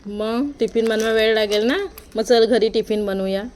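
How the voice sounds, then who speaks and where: A woman's voice: a little high, fairly even intonation, normal speed, darkish tone, slight background noise. A young mother chatting casually at home with her little daughter, patient and playful, coaxing her along. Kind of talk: casual home chat with a small child.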